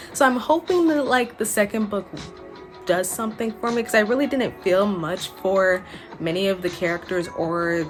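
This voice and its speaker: A woman in her twenties with a lowish, slightly bright voice chats casually and emphatically to camera, much like a book vlogger. She's indoors in a small furnished room at home, with background music playing.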